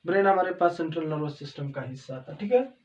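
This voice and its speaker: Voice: mid-range voice, animated, a little mellow. Roomy, distant biology lecturer. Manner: asks rhetorical questions and answers them, repeats "okay" often; slow, step-by-step counting and pointing at a diagram. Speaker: biology teacher. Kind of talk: explanatory video lecture. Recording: dull, roomy sound from a distance from the mic.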